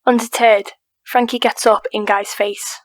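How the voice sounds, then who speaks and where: A woman narrating an audiobook crime drama in a steady, even reading voice. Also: a little high, unhurried, no room sound. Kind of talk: scripted narration.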